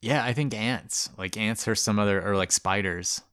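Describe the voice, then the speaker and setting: Low-voiced laid-back podcast co-host man. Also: normal speed, fairly bright tone, clear, resonant tone, no room sound, studio quality. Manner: laid-back, rambling, laughs easily. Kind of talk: casual chat.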